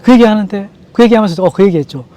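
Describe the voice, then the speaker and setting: A man giving an emotional personal testimony in an interview, earnest and halting, often restarting his sentences. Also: high voice, mellow. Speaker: franchise store owner.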